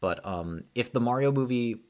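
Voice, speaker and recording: A man's voice: medium pitch, expressive, moderate pace, clear, resonant tone. A young man hosting a casual livestream, rambling through opinions with many ums, likes and restarts. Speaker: livestream host.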